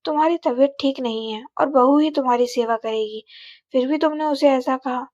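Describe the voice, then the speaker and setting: A woman's voice: high voice, moderate pace, darkish tone, no room sound, close to an everyday voice. A woman voicing a torn young husband who is exasperated but earnest with his wife and mother. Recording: slightly dull, dry recording.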